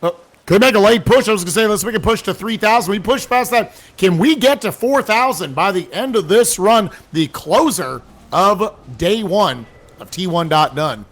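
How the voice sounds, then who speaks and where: A man hosting a charity livestream, excitable, reading donations aloud and reacting loudly. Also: sits high, moderate pace. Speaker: charity stream host. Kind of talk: casual livestream chat.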